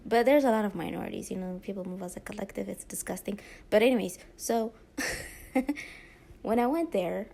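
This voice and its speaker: Creaky-voiced woman ranting on her channel. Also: medium pitch, darkish tone. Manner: rambling and candid, with many fillers and short laughs; blunt and sarcastic. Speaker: YouTuber. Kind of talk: casual storytelling rant.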